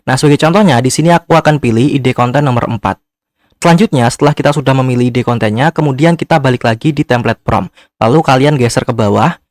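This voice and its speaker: A man's voice: medium pitch, quick pace, no echo, clean studio sound. A man narrating a casual step-by-step screen tutorial, speaking informally and directly to viewers. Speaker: tutorial host.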